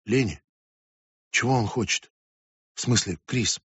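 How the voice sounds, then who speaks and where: A man's voice: measured pace, a bit bright, slightly rough, dry recording, muffled recording. Male reader doing a frightened teen girl, panicky, audiobook. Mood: anxious, small. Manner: high, panicky insistence.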